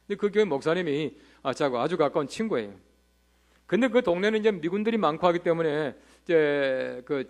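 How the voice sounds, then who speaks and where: A male pastor preaching a revival sermon in a church, telling funny anecdotes and asking the congregation rhetorical questions. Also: fairly high pitch.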